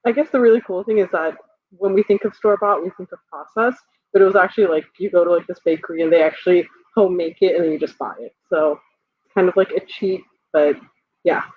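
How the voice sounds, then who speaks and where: Husky young woman from guyana, chatty guest on a video call, tinny phone-ish audio. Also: lowish voice, fast talker, no echo. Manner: chatty, lots of "like". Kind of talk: casual chat. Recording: tinny, dry phone-like line.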